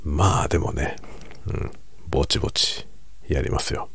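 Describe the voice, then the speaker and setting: A middle-aged man chatting quietly late at night over a drink, in a hushed, unhurried, musing and self-deprecating way. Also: very deep voice, gravelly, slightly rough. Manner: relaxed monologue while drinking alcohol. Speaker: streamer.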